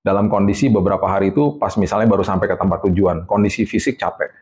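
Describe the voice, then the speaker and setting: A middle-aged man, an evangelist, telling stories as a guest in a casual interview, in a lively, animated way. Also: deep voice, fast talker.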